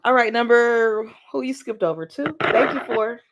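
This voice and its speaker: A woman's voice: on the high side, normal speed, heavy background noise. A woman chatting casually and informally on a dating show, with short interjections. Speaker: dating show contestant choosing a partner. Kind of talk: casual chat.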